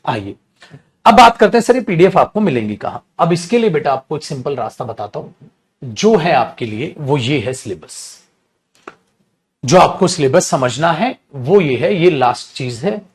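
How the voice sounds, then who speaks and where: A man's voice: fairly high pitch, lively intonation, normal speed. A male English teacher giving an online class lecture, calling his students "beta" and explaining step by step in repetitive lists, with bursts of scolding.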